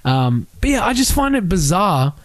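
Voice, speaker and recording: A man's voice: high-pitched, moderate pace. A man with an Australian accent co-hosting a casual sports chat, retelling stories and acting out quotes. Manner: animated storyteller, acts out quotes. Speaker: podcast co-host.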